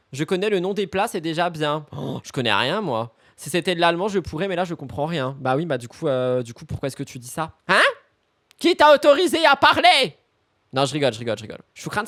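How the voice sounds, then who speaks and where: A man hosting a casual live stream, reacting to celebrity news with campy, teasing, theatrical outbursts. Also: a little high.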